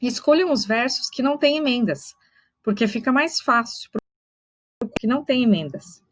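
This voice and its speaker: A woman teacher giving an online literature lesson, patiently explaining and slowly sounding out syllables. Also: on the high side, expressive, dry recording, poor audio. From Brazil. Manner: patient, explains step by step, checks in with students.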